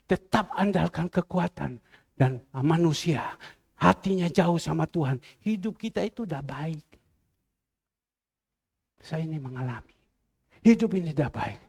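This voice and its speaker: An older man, a pastor giving a sermon that swings between quiet storytelling and loud, emphatic preaching. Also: fairly high pitch, lively intonation, measured pace, gravelly, pauses often, husky. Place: church.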